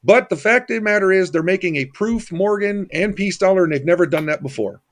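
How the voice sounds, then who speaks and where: Folksy man with a slightly high voice. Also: expressive, brisk. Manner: folksy, familiar, addresses viewers as buddy and brother. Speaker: livestream host. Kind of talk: casual livestream chat.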